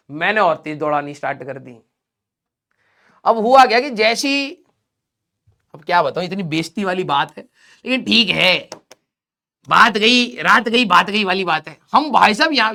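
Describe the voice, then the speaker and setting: Laughing and chatting, a male teacher recounts something from his own life to his students, full of fillers like "ठीक है" and "भाई साहब". His high-pitched voice comes across pushed and bright.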